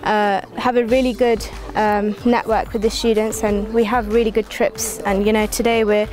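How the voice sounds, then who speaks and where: A woman's voice: medium pitch, little pitch movement, moderate pace. A young woman from England, a first-year medical student, speaking earnestly to camera on a seaside cliff with many ums. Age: young adult. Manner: earnest, flowing with frequent ums. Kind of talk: promotional testimonial to camera. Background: soft background music.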